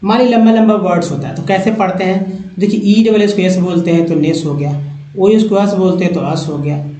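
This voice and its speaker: A man's voice: high voice, fairly even intonation, fairly quick, dark tone, echoey room, poor audio. A man teaching English vocabulary, sounding out long words syllable by syllable and coaxing viewers along with friendly asides. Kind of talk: spoken English vocabulary lesson.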